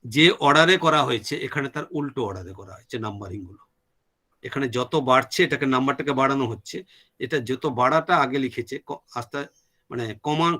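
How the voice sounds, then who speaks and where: A man delivers a classroom lecture at a medium pitch. He spells out terms word by word, as if for note-taking, and switches into English for the technical phrases. Now and then he stops to ask whether everything is clear. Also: a bit bright. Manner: dictates terms slowly, mixes English terms into Bengali, checks with "clear?".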